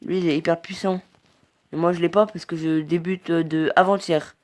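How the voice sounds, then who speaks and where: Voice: mid-range voice, steady tone, normal speed, darkish tone. A mobile game player giving casual gameplay commentary, rambling and hesitant, reacting aloud as the game goes on.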